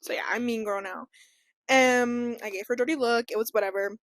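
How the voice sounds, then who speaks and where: A young woman with a high, bright voice chats casually as a podcast co-host, giggling constantly as she rambles through a story. Her speech is full of fillers and loose restarts. The recording is dry and close, with no room sound. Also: steady tone, fairly quick, no room sound. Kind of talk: casual chat.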